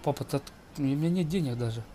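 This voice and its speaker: A man's voice: on the high side, fast, dark tone, a little hiss or hum, lightly acted. A man putting on the voice of a whiny fifteen-year-old son who pleads and complains to his father. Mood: pleading.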